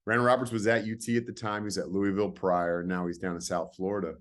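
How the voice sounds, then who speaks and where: Deep-voiced man telling stories as a guest. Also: little pitch movement, fast. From California, USA. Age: 40s. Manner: rambling, with hesitant restarts. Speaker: podcast guest. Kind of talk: casual storytelling.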